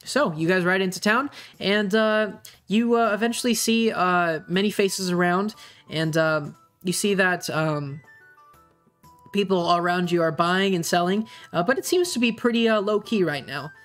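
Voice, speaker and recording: A game master improvising tabletop narration in a hesitant, halting way, searching for words. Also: medium pitch, a bit bright, soft background music.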